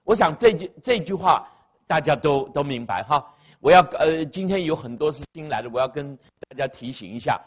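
A male pastor delivers a sermon over a church microphone, drawing the congregation in with questions and repeated phrases. His voice sits a little high and is slightly husky, and it swings up and down with lively expression. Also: moderate pace. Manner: engaging the congregation, asking them to answer aloud; emphatic repetition of phrases. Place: church sanctuary with sound system. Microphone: amplified microphone.

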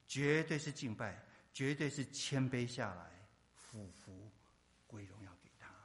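A male pastor preaching a sermon with emphatic repetition, swinging from loud to hushed. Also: fairly high pitch, big-room sound.

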